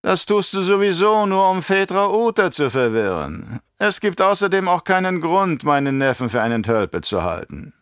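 A man's voice: high voice, animated, normal speed, a bit bright, clear, resonant tone, no room sound, clean studio sound, voice pushed up. A man voicing a sulky young nephew. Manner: sulky, grumbling. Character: sullen young nephew, male.

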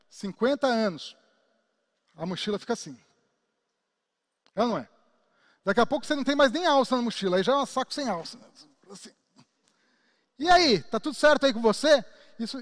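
A man with a Brazilian Portuguese accent gives a lecture to a class in a high voice. He is animated, acting out examples and checking in with his listeners. His voice carries a long hall reverb. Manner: animated, acts out examples and asks the audience questions. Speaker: instructor.

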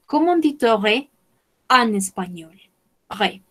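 Woman teacher, native Spanish speaker, very slow drilled delivery, slightly high voice. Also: animated, fairly bright tone. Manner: very slow, repeats each word deliberately. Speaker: French teacher. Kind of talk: online language lesson.

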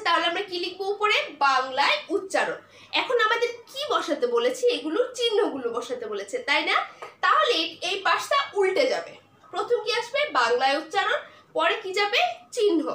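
High, lively woman teaching small children. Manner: asks questions and answers them herself, repetitive and patient. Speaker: primary school teacher. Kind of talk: online class lesson for young children. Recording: echoey room with faint noise.

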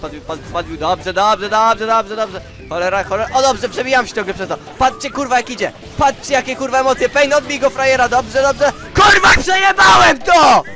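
High, sharp-voiced man raging at a game. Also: normal speed, hardly any pauses, soft background music, a faint crowd. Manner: angry swearing rants at the game. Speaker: gaming channel host. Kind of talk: gameplay commentary.

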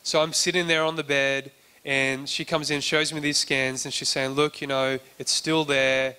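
A man preaching in an easy, chatty sermon voice, bright and crisp in tone. He tells his story with little rise and fall in pitch, acting out the lines he quotes. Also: little pitch movement, normal speed. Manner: conversational, acts out quoted dialogue, frequent restarts. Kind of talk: sermon testimony.

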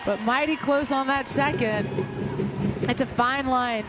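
A woman's voice: high-pitched, unhurried. A woman giving match analysis as a soccer commentator. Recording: very noisy stadium broadcast.

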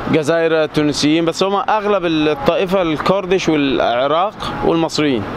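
A man interviewed on the street, giving quick chatty answers. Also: a little high. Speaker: passer-by interviewee. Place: busy city street outdoors. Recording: traffic noise behind.

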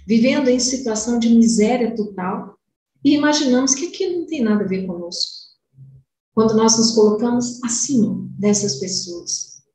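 A young woman delivers an earnest devotional lecture from a room at home, her slightly high voice drawn out on the key words. She sits back from the webcam mic, so the sound is roomy and echoing with a faint hiss underneath. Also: mellow, far from the mic. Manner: measured, earnest, stretches key words slowly. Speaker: spiritist lecturer. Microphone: webcam on video call.

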